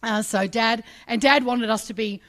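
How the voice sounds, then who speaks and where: Speaking at a moderate pace in a fairly high, fairly bright voice, a middle-aged Australian woman raised with Arabic delivers an emotional, chatty personal speech at a public ceremony. She acts out the voices of people in her stories.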